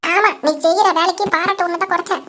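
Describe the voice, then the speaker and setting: A woman's voice: very high-pitched, fairly even intonation, fast talker, a bit bright, a little hiss or hum. A woman voicing a suspicious, scolding old mother-in-law in a cartoon, nagging and accusing. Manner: nagging, accusing, calls others "adi". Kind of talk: cartoon voice acting.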